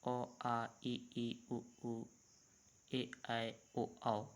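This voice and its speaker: A man teaching a grammar lesson, speaking in a measured way and drawing out the sounds he demonstrates. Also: medium pitch, completely flat delivery. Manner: slow, measured, drawn-out letter sounds.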